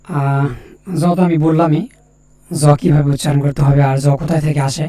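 A man from Bangladesh records a lesson on Quran letter pronunciation, slowly and deliberately repeating each sound several times and telling learners to copy him, plainly and encouragingly. His voice is a little high, mellow and flat in delivery, with no room sound.

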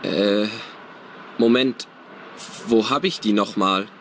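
A man's voice: lowish voice, takes it slowly, a bit bright. A man acting a flustered, forgetful train passenger in a scripted language-exam dialogue. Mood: flustered, searching. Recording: clearly noisy train-like ambience.

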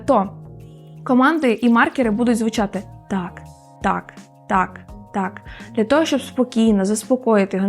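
Woman, dog trainer, casual lesson, higher-pitched voice, hesitant fillers, faint background music. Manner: frequent hesitation fillers, demonstrates words aloud.

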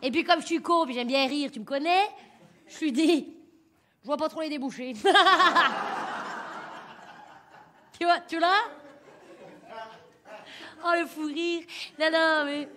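A woman comedian performs a stand-up character monologue as a crude, bragging working-class mum who rambles, swears and piles on fillers. Her voice sits high with a fairly bright tone, moving at normal speed with long pauses. The mood is brash and the delivery vulgar and meandering.

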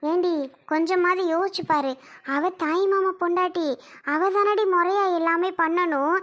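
A woman playing a stern but caring aunt, very high voice. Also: fairly even intonation, moderate pace, a bit bright. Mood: scolding. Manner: scolding, comforting, in colloquial speech. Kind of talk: village family drama skit.

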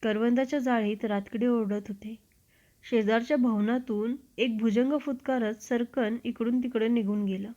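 A woman storyteller reading a classic book aloud in a measured, expressive narration. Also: on the high side. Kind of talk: literary narration. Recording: dull lo-fi recording.

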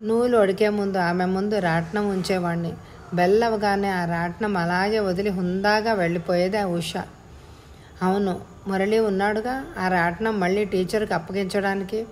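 A woman narrating a first-person story as an audiobook reader, in a measured, reflective way. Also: medium pitch, fairly even intonation, a little mellow, a little hiss or hum.

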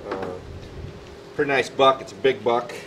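On concrete outside a building, a taxidermist gives a casual walkthrough of his job for the camera against a noisy background. He has a medium-pitched voice and a moderate pace, and he talks plainly, thinking aloud and filling gaps with lots of filler words.

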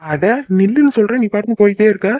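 A man's voice: sits high, expressive, rapid-fire, highs cut off, heavy background noise. A young man voicing a teasing, devoted boyfriend in a cartoon, coaxing and joking. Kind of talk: cartoon voice acting.

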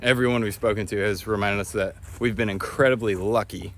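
Out on a countryside footpath, a man in his thirties vlogs his walk, talking casually and thoughtfully into a phone at arm's length. He speaks briskly in a steady tone, his voice on the low side. A little hiss or hum is present.

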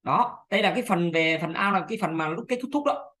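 A woman talks viewers through a screen-recorded software tutorial at a fast clip. Her delivery is chatty and full of small fillers and pointing words as she clicks around. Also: lowish voice. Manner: chatty, fillers, many "đây này" pointers. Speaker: video editing tutor.

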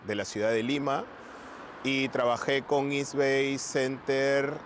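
A middle-aged man from Peru, a dance teacher calmly explaining in an interview. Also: medium pitch, unhurried, background noise. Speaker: Afro-Peruvian zapateo teacher. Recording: music playing underneath.

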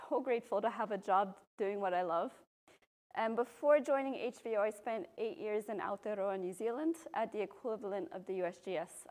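Woman giving a public science lecture. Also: mid-range voice. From Belgium. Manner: relaxed, explanatory, with frequent ums. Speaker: volcanologist giving a public talk. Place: university lecture room. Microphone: podium microphone, filmed from a far camera.

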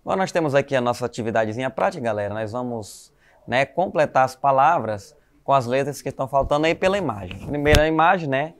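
Here an animated man of medium pitch, Brazilian Portuguese accent audible, gives schoolchildren a recorded online Spanish class. He spells letters slowly, says "galerinha" to his students, and explains patiently while adding frequent "né?" and "tá?" tags.

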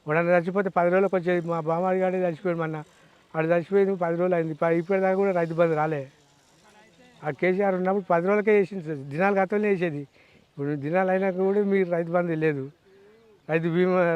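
A man, a farmer with a Telangana Telugu accent, angrily scolds someone and fires off rhetorical questions. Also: a little high. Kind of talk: angry rant to camera. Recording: dull dry lo-fi sound.

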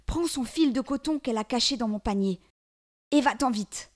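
A small grateful cat with a high, bright, eager voice, pitched well above the reader's own, as a woman puts him on. A storybook animal, lively and quick to help. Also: lightly acted. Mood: urgent.

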